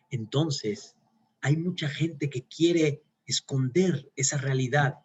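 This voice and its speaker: Husky-voiced rabbi telling a story. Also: male voice, medium pitch. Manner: storytelling, addressing listeners with questions. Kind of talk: sermon.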